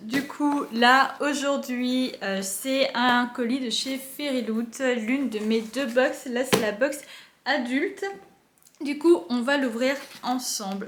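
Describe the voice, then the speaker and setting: A young woman casually chatting as she unboxes books at home, gushing with excitement and using lots of fillers. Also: fairly high pitch, a little hiss or hum. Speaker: book unboxing vlogger. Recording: echoey room.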